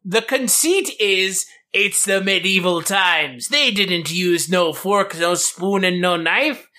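A man's voice: sits high, slow pace, bright, forceful tone. A man co-hosting a podcast in casual comic chat, riffing with incredulity and some swearing. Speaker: podcast co-host. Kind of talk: casual comic chat about an old TV show.

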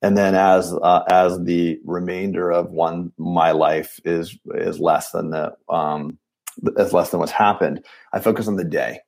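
A man in his late forties, a dentist guest talking in an animated, emphatic way on a podcast. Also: deep voice, a little slow, vocal fry. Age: 40s. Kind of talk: casual podcast conversation.

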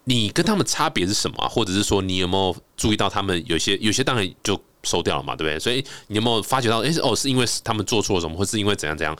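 A man with a Taiwanese Mandarin accent hosting a casual interview, chatty and quick to exclaim. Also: fairly low pitch, expressive, fairly bright tone, dry recording. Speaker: interviewer, host.

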